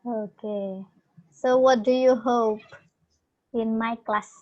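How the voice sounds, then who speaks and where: A woman's voice: on the high side, steady tone, extremely slow, darkish tone. A woman teaching an online English class, chatty and encouraging, often laughing as she mixes English with her own language. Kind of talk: casual online class talk mixing English and Indonesian. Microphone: video call. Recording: dull lo-fi video call audio.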